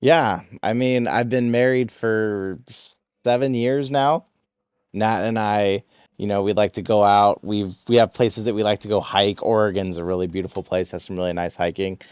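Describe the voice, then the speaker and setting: A man chatting as a podcast guest, relaxed and easygoing as he talks about his everyday life. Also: fairly low pitch, normal speed, clean tone, no echo, studio quality. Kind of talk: casual interview chat. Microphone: VR headset.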